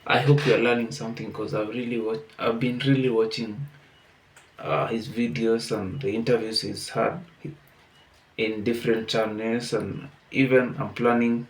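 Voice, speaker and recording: A man's voice: mid-range voice, vocal fry. A man hosting a channel, reflecting earnestly to viewers in a motivational way, with frequent restarts. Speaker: channel host commenting. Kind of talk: casual reflective monologue.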